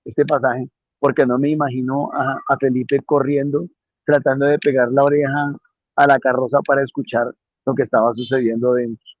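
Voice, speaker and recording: A man's voice: medium pitch, dry recording, lo-fi sound. Earnest man preaching a homily. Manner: earnest, repeats phrases for emphasis. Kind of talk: homily on the day's readings.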